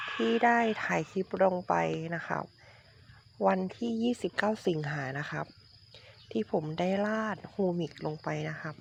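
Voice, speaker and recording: A man's voice: sits high, vocal fry. A man casually showing his garden plants to viewers, chatty and polite, often repeating himself and calling viewers his friends. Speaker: vlogger, home durian grower. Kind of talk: casual show-and-tell vlog. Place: outdoors in a rural garden. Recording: dull lo-fi phone audio, loud outdoor noise and roosters. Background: roosters, chickens and crickets.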